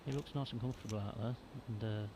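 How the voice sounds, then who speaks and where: A man's voice: on the low side, fairly even intonation, fast, noisy background. A man giving conversational, slightly hesitant snooker analysis as a co-commentator. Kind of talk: informal live snooker analysis.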